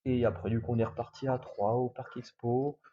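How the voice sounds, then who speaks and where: A man's voice: medium pitch, fairly even intonation, fairly quick, slightly rough, lo-fi sound. A young man from France telling a casual vlog story, rambling with lots of fillers and restarts. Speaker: vlogger.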